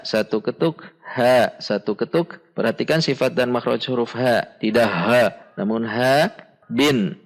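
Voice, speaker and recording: A man teaching Quran recitation, patiently spelling out syllables and chanting words slowly and deliberately. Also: lowish voice. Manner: patient, instructive, repeats corrections. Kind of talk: step-by-step tajwid lesson.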